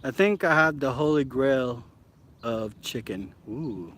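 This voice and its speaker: Filming outdoors on a handheld camera, a middle-aged vlog host from Alaska runs a casual live stream in a mid-range voice at a slow pace. Excitable and talkative, he fills his speech with plenty of fillers, and slight background noise is audible.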